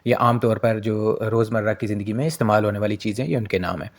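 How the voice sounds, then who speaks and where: A man's voice: fairly low pitch, fast talker. A man, a native Urdu speaker, giving a casual vocabulary lesson, saying each word twice and often adding a friendly "theek hai ji". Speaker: language teacher.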